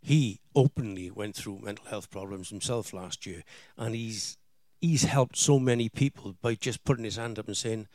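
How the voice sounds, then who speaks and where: A middle-aged man with a South Wales Valleys accent, chatting candidly in anecdotes, animated and emphatic, often repeating words to drive a point home. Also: fairly low pitch, moderate pace, hardly any pauses.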